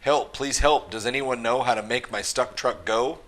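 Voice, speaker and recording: A man reads a rhyming picture book aloud to children in an animated way, with emphatic, rhythmic delivery. His voice is medium-pitched and fairly bright, at a moderate pace.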